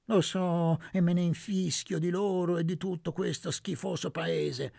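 A woman's voice: on the low side, fairly even intonation, unhurried, creaky, dark tone, no room sound, clean studio sound, voice pushed up, exaggerated voice. A man voicing a contemptuous woman of about thirty, scornful and bitter in an audiobook reading. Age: 30s. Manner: scornful, spiteful. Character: bitter, contemptuous young prostitute.

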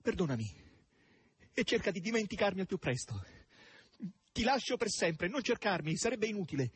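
A man voicing a reckless, elated young woman who has just become a witch, speaking in shrill exclamations. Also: sing-song, normal speed, breathy edge, full character voice. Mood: resolute. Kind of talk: audiobook reading.

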